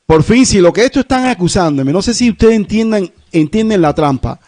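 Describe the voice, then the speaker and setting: A preacher speaks as a composed accused man who turns the accusation back with probing questions. The voice sits fairly high and stays steady. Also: a little fast. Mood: challenging. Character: calm, challenging man confronting his accuser.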